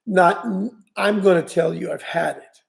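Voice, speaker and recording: A man's voice: high-pitched, fairly even intonation, measured pace, vocal fry. A man with a New York accent, hosting a fishing show and chatting enthusiastically in a rambling way, with many restarts. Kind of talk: casual chat.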